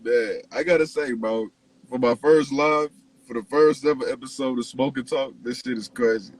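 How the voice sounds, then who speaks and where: Husky-voiced man, casual slangy host. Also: mid-range voice, normal speed, rough recording. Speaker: podcast host, interviewer. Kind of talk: casual chat, slangy and profane.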